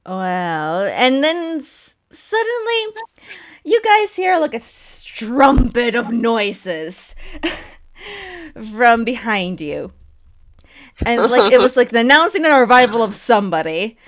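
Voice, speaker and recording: A woman narrating as game master of a tabletop game, giggly and animated, with lots of "like" fillers. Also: a little high, slow.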